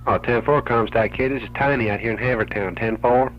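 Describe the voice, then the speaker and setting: A man's voice: medium pitch, a little fast. A man talking over a CB radio in easygoing trucker lingo, heard as a lo-fi clip with music behind.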